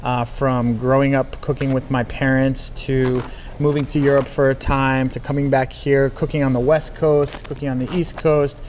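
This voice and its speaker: New england chef guy being interviewed, slow and thoughtful, says um and you know a lot, faint noise behind. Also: medium pitch, little pitch movement, a little mellow. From New England, United States. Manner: thoughtful, measured, with many fillers. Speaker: chef and cookbook author, guest. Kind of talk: conversational interview.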